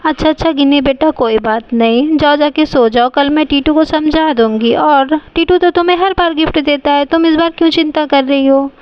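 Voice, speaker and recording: A woman's voice: sits high, normal speed, hardly any pauses, dry recording, lo-fi sound, close to an everyday voice. A woman voicing a caring doll mother who fusses and coaxes her crying daughter. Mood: coaxing. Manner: coaxing, fussing.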